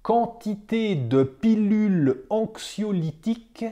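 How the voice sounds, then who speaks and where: A teacher reads a dictation in a medium-pitched, mellow voice with lively intonation, and the high frequencies sound cut off. Phrases are repeated several times with careful, deliberate delivery, and the punctuation is called out.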